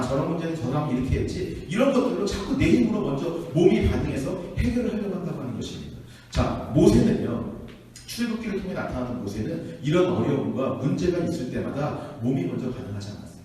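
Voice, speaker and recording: A man preaching a sermon to a youth group, telling stories in an animated way and acting out the people in them. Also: fairly high pitch, a little hiss or hum. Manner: animated storytelling, acting out quotes. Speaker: youth pastor. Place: church hall. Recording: echoey hall from far off.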